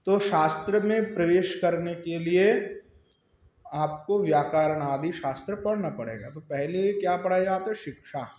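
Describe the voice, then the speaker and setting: A man giving a religious teaching discourse, explaining step by step, posing questions and answering them himself, and slowly sounding out syllables to show pronunciation. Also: fairly high pitch, a little mellow. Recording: roomy, dull-sounding recording.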